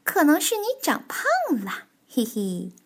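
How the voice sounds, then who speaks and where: A woman's voice: on the high side, very animated, a little slow, exaggerated voice. A woman voicing a playful, teasing young male frog in a children's storybook, with a raised, bouncy voice. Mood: cheeky. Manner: playful, teasing, sing-song.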